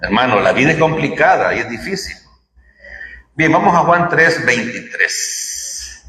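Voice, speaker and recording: Slow, bright-voiced male preacher in echoey hall. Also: medium pitch, sing-song, slight background noise. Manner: conversational preaching with rhetorical questions. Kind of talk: sermon. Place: church hall.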